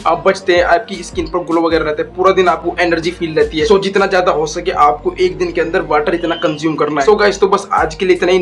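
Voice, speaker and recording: A young man coaching his viewers through voice exercises in a slow, deliberate way. His voice sits a bit high for a man, and soft music plays faintly behind him. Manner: slow, deliberate, addresses viewers as guys and bro. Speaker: YouTube voice coach. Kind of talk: casual tutorial talk.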